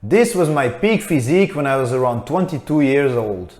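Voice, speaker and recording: A man in his thirties from Belgium tells his own story in a scripted, candid voice, frank and a little self-mocking. His pitch sits in an ordinary middle range for a man. The room around him gives the voice a noticeable echo. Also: expressive, moderate pace, darkish tone. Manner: candid, matter-of-fact, self-deprecating. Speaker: vlogger. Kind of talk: scripted personal narration. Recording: roomy echo.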